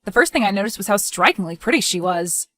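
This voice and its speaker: A woman's voice: medium pitch, fast, no room sound, close to an everyday voice. Woman playing a skeptical, chatty grown daughter. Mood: chatty, confiding. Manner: conversational, expressive, skeptical. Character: skeptical, chatty adult daughter, sharp-tongued and suspicious. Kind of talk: scripted story dialogue.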